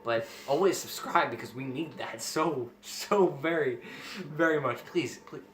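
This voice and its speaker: Bright-voiced man in a roomy, echoey space. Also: mid-range voice, a little slow. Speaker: host of a film review show. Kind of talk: casual movie review chat. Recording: roomy echo, faint background noise.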